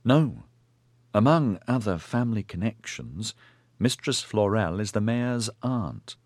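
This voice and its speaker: A man's voice: on the low side, big pitch swings, takes it slowly, a little mellow, no echo, exaggerated voice. A man voicing a young woman who explains things incredulously. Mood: explaining. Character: young woman, a knowing friend.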